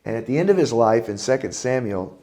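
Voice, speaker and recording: A man's voice: medium pitch, expressive, fairly quick, mellow. An older man, a pastor, preaching a conversational sermon in a folksy, earnest way with frequent chuckles.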